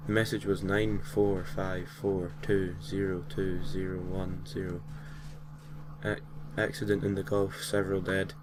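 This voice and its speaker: Unhurried and flat, a creepypasta host with a deep voice narrates a scary tale in amateur fashion. He occasionally trips over words and corrects himself, and noticeable noise sits behind his home recording.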